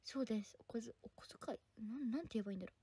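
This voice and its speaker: A woman's voice: on the high side, racing, mellow, husky, dry recording. A young woman chatting on a livestream as host, bubbly, thanking viewers and trying out English words. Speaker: livestream idol host reading viewer comments. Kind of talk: casual livestream chat.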